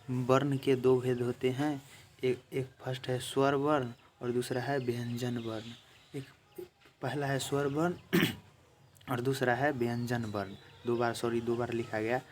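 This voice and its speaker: Man teaching a grammar lesson. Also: medium pitch. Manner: repeats definitions slowly, addresses viewers as friends. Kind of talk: exam-prep grammar lesson. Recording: faint background noise.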